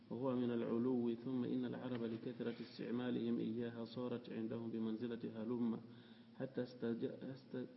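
A man reading a classical text aloud to his teacher in a steady, formal recitation. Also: medium pitch, creaky, in a large hall, dull audio.

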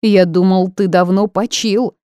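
A woman's voice: lowish voice, moderate pace, warm tone, no room sound, studio quality. A woman voicing a frantic, grumpy old male ghost who wails and snaps in self-pity, reading an audiobook. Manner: wailing, self-pitying outbursts.

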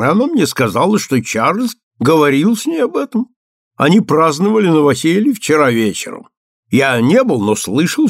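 Man voicing a chatty ruined young gentleman. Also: a little high, vocal fry, dry recording, clean studio sound, full character voice. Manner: talkative, rambling.

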